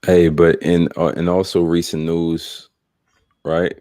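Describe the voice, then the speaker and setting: A man with a very low, deep voice hosts a casual religious discussion. He talks in a laid-back way, full of ums and uhs, and the sound is dry and close. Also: flat delivery, takes it slowly, warm tone, no room sound. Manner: laid-back, many fillers.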